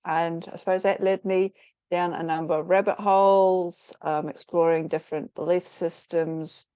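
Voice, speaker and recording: A middle-aged spiritual teacher from New Zealand joins an online interview as a guest, her low, mellow voice clear and resonant. She rambles thoughtfully at a moderate pace with fairly even intonation, full of "sort of" fillers, false starts and restarts. The recording is dry and close.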